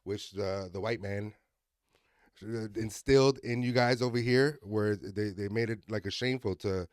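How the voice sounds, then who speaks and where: A man who is a comedian guest on a podcast, from Miami, chatting casually in a joking, profane, animated way. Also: fairly low pitch, normal speed, clear, resonant tone, no room sound, clean studio sound.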